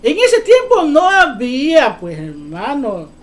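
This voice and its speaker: A male preacher delivers a sermon in a high, ringing voice. He talks fervently and often breaks into shouting. He drives his points home with rhetorical questions. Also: huge pitch swings, slow.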